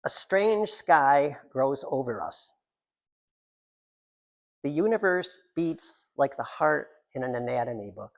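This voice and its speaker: A writer giving a live reading of his own work speaks slowly but with great animation. His voice is gravelly and creaky, pitched in the ordinary middle range, and he keeps slipping into rambling asides where he jokes at his own expense.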